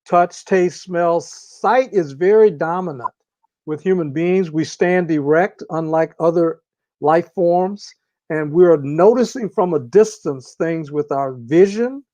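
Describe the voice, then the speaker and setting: A man speaking as an interview guest, explaining ideas in a measured, deliberate way with long pauses. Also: on the high side, warm tone, no echo, dull audio. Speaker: interview guest, organizational consultant. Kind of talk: reflective conversational explanation.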